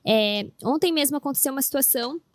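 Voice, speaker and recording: A woman on a podcast, a mother of a baby, telling stories in a lively, animated way as co-host. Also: high-pitched, quick pace, no room sound. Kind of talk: casual podcast chat.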